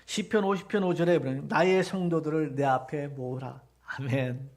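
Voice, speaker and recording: A male pastor with a notably high voice delivers a live Sunday sermon in a church sanctuary. He quizzes the congregation with rhetorical questions and swells from soft, reflective passages into loud, insistent exhortation. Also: steady tone, normal speed.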